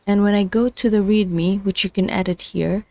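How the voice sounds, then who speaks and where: Her mid-range voice is a little mellow, fairly even in intonation, and moderately paced, with no room sound. As a casual livestream host learning machine learning who is losing her voice, she speaks tentatively to herself, full of fillers and restarts.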